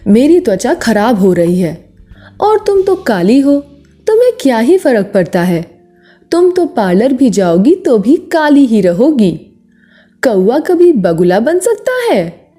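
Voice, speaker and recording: A woman's voice: on the high side, very animated, a little slow, warm tone, faint music behind. A woman voicing a spoiled, scornful rich young wife in a storybook, talking in a taunting, rude way. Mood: mocking.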